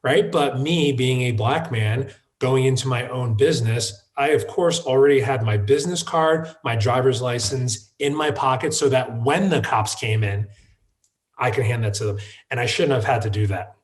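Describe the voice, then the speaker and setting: Halting male storyteller, full of fillers. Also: mid-range voice. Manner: halting, many fillers and restarts. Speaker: guest, wine shop founder. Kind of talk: conversational storytelling.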